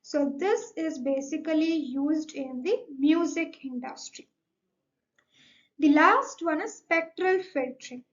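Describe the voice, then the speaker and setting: Delivering a formal student presentation at a slow pace, a high-voiced young woman explains things in a scripted, academic manner. Many of her sentences begin with "so." The audio sounds slightly muffled and dull.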